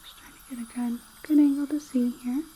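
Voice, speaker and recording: A woman whispering softly in an ASMR roleplay as a dental hygienist, slow and reassuring, often checking in with a gentle "okay?", close to the mic. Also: high-pitched, fairly even intonation, poor audio. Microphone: close sensitive mic.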